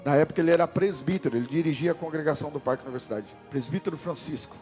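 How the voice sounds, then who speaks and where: A man's voice: very fast, faint music behind. Brazilian man preaching a testimony sermon. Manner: storytelling preacher, swells loud and high at climaxes. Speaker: pastor.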